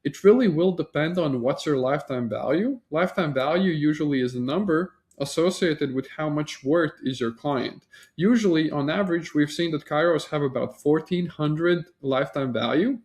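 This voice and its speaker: A man's voice: fairly high pitch, expressive, normal speed, a little mellow. Man, slight Latvian accent, agency founder walking a client through slides, loose and chatty with plenty of ums. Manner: casual, loose, many fillers and restarts.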